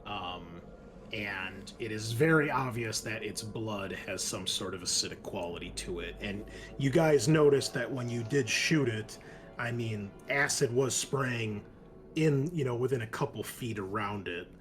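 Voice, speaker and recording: A man plays game master for a tabletop game, narrating casually and explaining things with plenty of hedging while music plays behind him. His voice sits on the low side, fairly bright, and a little slow.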